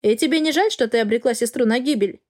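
Calm dragon lord, male, dry mockery, cool, woman reading it, audiobook. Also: fairly high pitch, fast talker, natural voice. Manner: calm, dryly mocking. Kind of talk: audiobook character voice.

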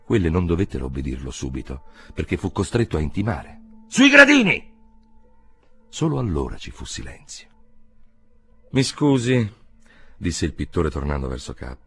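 A man reading a literary audiobook aloud in a measured, expressive way. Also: extremely low pitch, husky. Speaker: audiobook reader.

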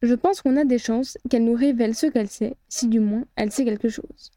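A woman's voice: on the high side, steady tone, brisk, dark tone, no echo, clean studio sound, lightly acted. Brief: a sardonic wizard partner ribbing his colleague; voiced by a woman narrator. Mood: teasing. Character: teasing, wry male wizard partner.

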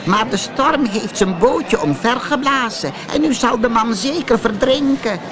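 A man's voice: very high voice, lively intonation, measured pace, crowd noise, pitched above the performer's own voice. A man doing a worried old woman. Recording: music playing behind.

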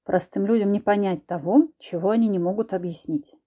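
A woman's voice: medium pitch, a little fast, highs cut off, close to an everyday voice. A woman voicing a blunt, commanding man who was once a cat, in an audiobook. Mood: stern. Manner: curt, commanding.

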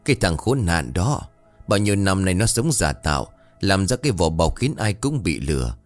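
A man reading a ghost story, voicing a stern, protective old grandfather who speaks gruffly. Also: low-pitched, sing-song, normal speed, faint music behind. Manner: gruff, indignant.

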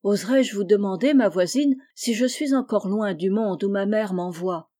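A woman's voice: medium pitch, mellow, lightly acted. Woman reading a courteous young hero. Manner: courteous, measured, slightly lofty. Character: polite, noble young peasant hero.

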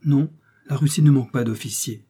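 A man's voice: medium pitch, fairly quick, mellow, slightly rough, close to an everyday voice. A man voicing an idealistic young princess in an audiobook, earnest and insistent. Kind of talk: audiobook character reading.

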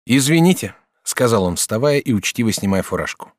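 A man narrating a classic novel as an audiobook in a measured storytelling manner. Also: lowish voice, expressive, dry recording, studio quality. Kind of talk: scripted narration.

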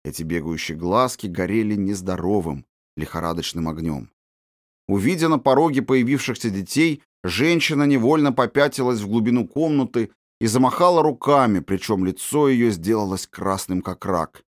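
A man narrating a storybook in a measured, descriptive reading. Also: on the low side, animated, no echo, studio quality. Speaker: audiobook narrator.

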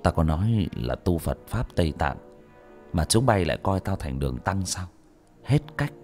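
A man voicing a stern, principled old male sorcerer in an audio story, speaking low and firm. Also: very animated, moderate pace, a little mellow, soft background music.

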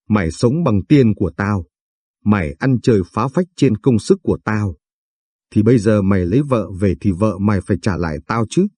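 A man's voice: lowish voice, slightly rough, dry recording, clean studio sound. A man voicing a cruel, foul-mouthed older mother-in-law who scolds and curses in a storybook tale. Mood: furious. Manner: shouting, abusive, vulgar scolding.

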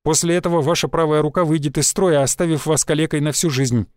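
Guy as a cold unhurried stranger, flat and dry, slightly high voice. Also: clear, resonant tone, no echo, lightly acted. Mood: cold calm. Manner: calm, dry, level delivery. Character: calm, menacing male stranger, cold and unhurried.

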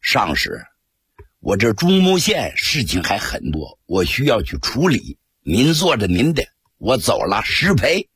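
A cold, contemptuous general, as a male storyteller puts him on, speaking low and clipped with a sneer in every word. His husky voice sits dry and close to the mic. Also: wildly swooping pitch, measured pace, fairly bright tone, no echo, exaggerated voice. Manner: sneering, curt.

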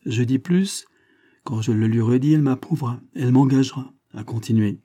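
A man's voice: mid-range voice, a little fast, mellow, natural voice. A man voicing Toto Fouinard, a cool, ironic amateur detective who answers dryly, in a read-aloud novel.

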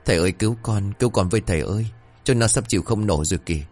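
A man voicing a panicky, exasperated young man who snaps in frantic bursts, with a low voice. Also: racing, darkish tone, soft background music. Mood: panicked. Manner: frantic and snappish.

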